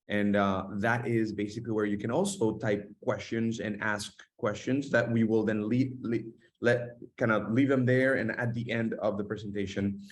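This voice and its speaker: A man hosting an online webinar from an office, talking with many fillers and restarts. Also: lowish voice. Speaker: host. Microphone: video call.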